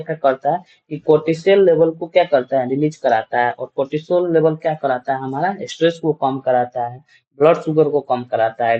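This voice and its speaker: On dull-sounding audio, a man with a highish, slightly mellow voice teaches a nursing class. He quizzes students, often answers his own questions, and repeats each term several times in this classroom lecture.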